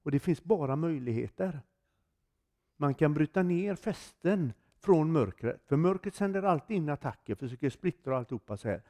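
Mellow-voiced man preaching a sermon. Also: on the high side, expressive. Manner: storytelling, acting out dialogue, conversational tags. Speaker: guest preacher. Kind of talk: sermon with personal testimony.

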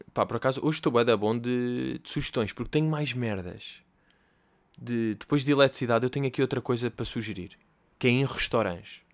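A young man with a European Portuguese accent, hosting a casual comedic podcast and rambling through stories with slang and swearing. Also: medium pitch. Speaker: podcast host.

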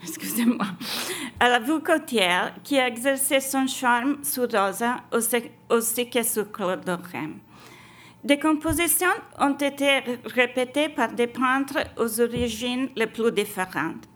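A woman's voice: fairly high pitch, lively intonation, unhurried, a bit bright. A woman, a French speaker, reading a scripted academic lecture as an exhibition curator, careful and stumbling a little over words. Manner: foreign-accented, non-native French, careful reading with stumbles.

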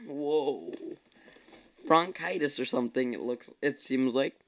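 On his casual solo podcast, a weary young host rambles on and keeps correcting himself mid-thought. He speaks in a creaky mid-range voice with a fairly bright tone.

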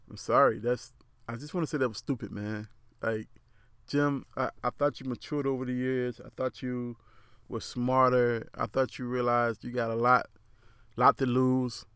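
A man's voice: medium pitch, fairly bright tone, clear, resonant tone, no room sound, studio quality. A man with a lisp giving his frank opinions in a casual monologue, rambling and repeating words as he goes. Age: adult. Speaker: commentator.

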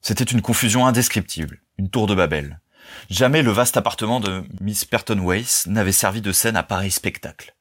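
A man reading a novel aloud as narrator, in a measured, even storytelling manner. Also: fairly low pitch. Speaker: audiobook narrator. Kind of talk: scripted narration.

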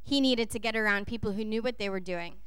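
Preaching in brief phrases meant for an interpreter, a woman from Texas whose first language is English tells stories playfully and conversationally as a guest preacher. Her medium-pitched voice is brisk, a bit bright, clear, and resonant, recorded at studio quality with no echo.

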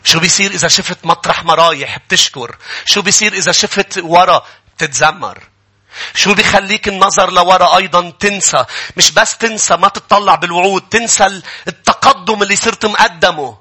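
A man with a Lebanese accent, a pastor delivering an animated sermon and acting out grumbling people. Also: high voice, a little fast, husky.

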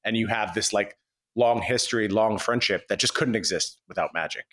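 A man chatting as a podcast co-host, recorded on an old microphone in a large high-ceilinged wooden kitchen that makes him sound echoey. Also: brisk, fairly bright tone. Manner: chatty, playful complaining. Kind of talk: casual podcast chat.

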